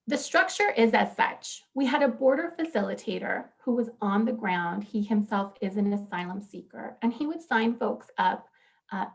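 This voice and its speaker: A woman in her thirties speaks on a legal panel, walking listeners through slides. Her voice sits at a middle pitch with a gravelly, fry-tinged texture. She talks earnestly, with plenty of ums and quick self-corrections. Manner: animated, earnest, with frequent fillers. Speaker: law professor and panelist. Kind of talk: conference panel presentation.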